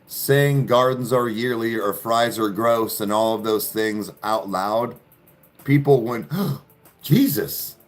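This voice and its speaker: Podcast guy ranting and swearing, real low voice, slow drawl, faint music under it. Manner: profane, ranting, sarcastic. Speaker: podcast host. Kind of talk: casual podcast chat. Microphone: studio podcast mic.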